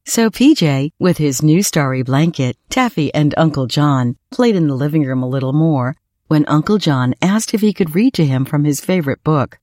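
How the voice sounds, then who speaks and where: Woman storyteller, low soft voice, children's story, dry sound. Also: lively intonation, moderate pace, dry recording. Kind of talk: children's bedtime story reading.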